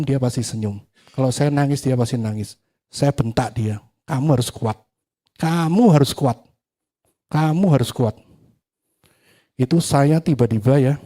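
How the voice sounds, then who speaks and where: A man preaching a sermon, telling a personal testimony with acted-out dialogue, swinging from loud to hushed. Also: mid-range voice.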